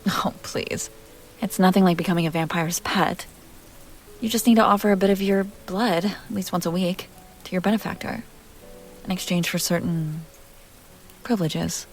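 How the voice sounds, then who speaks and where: This woman plays an alluring, cultured vampire heiress for an intimate audio drama, speaking on the low side with fairly even intonation in a voice close to her everyday one. Her tone is polite and explanatory, her phrasing soft and genteel, with breathy teasing asides that frequently become whispers. Soft music plays underneath.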